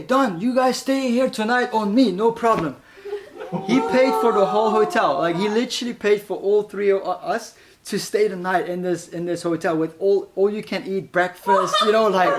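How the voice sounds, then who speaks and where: Animated Iranian-born man telling a testimony. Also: high-pitched, heavy background noise. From Iran. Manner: animated, laughs often, acts out voices in quotes; repeats words and restarts. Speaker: guest giving a testimony. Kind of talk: casual storytelling testimony.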